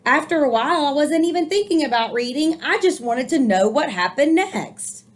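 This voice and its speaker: A woman with a high-pitched voice reads a picture book aloud to children at a moderate pace. She's expressive throughout and adds encouraging, explanatory comments along the way.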